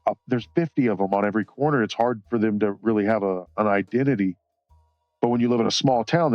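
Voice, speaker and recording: A man streams while coloring, chatting casually, rambling and swearing, often laughing and reading chat aloud. His mid-range voice has a darkish tone with no room sound. The audio is slightly dull, with faint music behind him.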